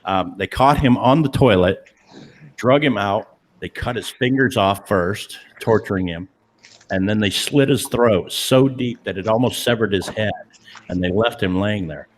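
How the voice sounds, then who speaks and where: Low-voiced drawling man telling ghost stories. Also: unhurried, slight background noise. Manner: laid-back, drawling, many fillers. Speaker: paranormal investigator. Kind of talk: casual storytelling.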